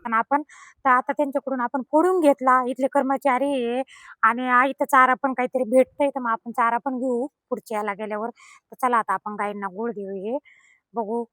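A woman's voice: on the high side, fairly even intonation, moderate pace, a bit bright, dry recording. A middle-aged woman, vlogging casually from an outdoor cow shelter and coaxing the cows in a sing-song voice. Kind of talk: casual vlog narration.

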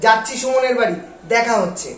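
A man vlogging in a loud, eager voice, with his words booming in a heavy room echo. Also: fast. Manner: talks very loudly, eager and excited. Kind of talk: casual vlog talk to camera. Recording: very echoey room, voice from a distance.

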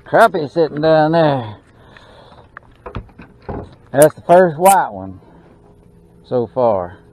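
A fishing channel host rides a small boat on a lake, his voice pitched high and his delivery extremely slow as he gives excited running commentary. He drawls exclamations and mutters at the fish. A boat-mounted action camera captures it in dull audio with faint noise.

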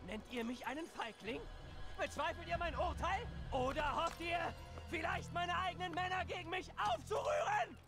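An actor playing a paranoid, menacing crusader knight who accuses with theatrical suspicion, in game audio. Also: male voice, very high voice, animated, moderate pace. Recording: game audio with music underneath.

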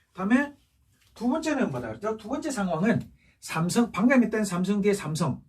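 A man's voice: high-pitched, a little mellow, husky, far from the mic. A male teacher giving a patient recorded lesson, going over each point again and checking in with rising questions. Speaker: Chinese language teacher. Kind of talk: recorded classroom lesson for seniors.

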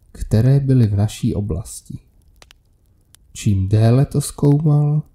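A man reading a scripted horror story aloud in a measured, steady manner. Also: medium pitch. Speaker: narrator.

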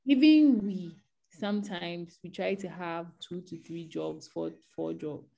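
A woman with a lowish voice and a gravelly edge speaks as a panel guest. She gives earnest advice and often starts her sentences over. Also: unhurried, mellow, lo-fi sound. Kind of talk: online panel discussion.

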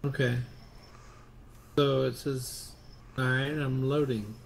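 A man of ordinary pitch talks casually from his home computer, narrating what his screen shows in halting, muttered bits. He sounds mildly frustrated and lets a curse slip now and then. A faint noise sits under his voice. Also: little pitch movement, vocal fry. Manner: halting, muttering running commentary on a frozen video call. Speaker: streamer. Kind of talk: casual live-stream chat.

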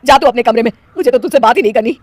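A woman's voice: a little high, racing, noisy background, voice pushed up, natural voice. Woman playing a scolding cartoon mother-in-law. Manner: loud, scolding, exasperated. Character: scolding middle-aged mother-in-law, easily offended.

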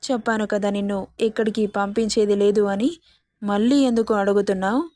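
A woman's voice: mid-range voice, fairly even intonation, a little fast, warm tone, no room sound, lightly acted. A woman voicing a cruel, domineering young rich man who speaks in a threatening, possessive way in a storybook reading. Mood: menacing.

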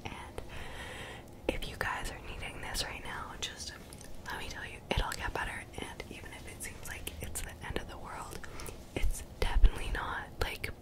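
A woman's voice: moderate pace, poor audio. Woman, young, whispered voice, ASMR affirmations, soothing, repetitive, close-miked. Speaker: ASMR video creator. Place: small bedroom, indoors. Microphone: desktop condenser mic, very close.

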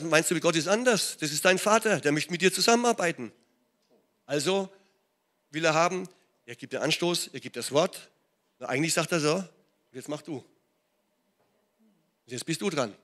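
Animated German man preaching a sermon. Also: a little high. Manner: animated preaching, often checks in with "ne?" and "ja?". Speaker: pastor. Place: church hall.

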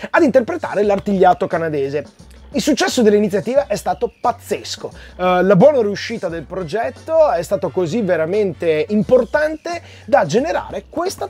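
With background music playing, a comic book video host in his forties gives a chatty review straight to his viewers, sitting in a small room with shelves of comics. He sounds high-pitched yet darkish and husky.

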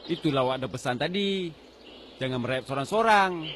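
A man's voice: a little high, expressive, normal speed, noisy background, natural voice. A man playing a bossy, fretful older village uncle in a voice drama, speaking with a tinge and scolding often. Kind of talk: amateur voice drama. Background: music.

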